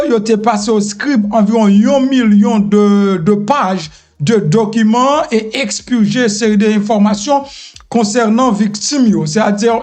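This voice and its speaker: High-voiced Haitian man reading news commentary. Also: a little mellow. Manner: addresses viewers directly, many fillers and restarts. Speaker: news presenter.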